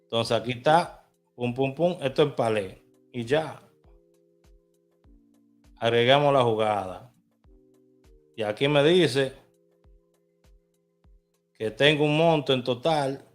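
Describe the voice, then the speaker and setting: Man, casual chatty vlogger, speaking from a car, faint music behind, mid-pitched voice. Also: takes it slowly, pauses often. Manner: chatty, talks to viewers while placing lottery bets. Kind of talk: casual screen walkthrough.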